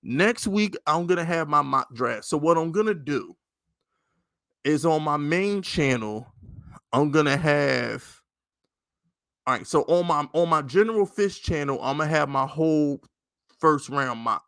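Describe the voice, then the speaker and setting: Animated man ranting about football, dry mic. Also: on the high side, measured pace, dry recording. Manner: animated, repetitive, rising to near-shouting when riled. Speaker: sports podcast host. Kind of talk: casual sports talk livestream.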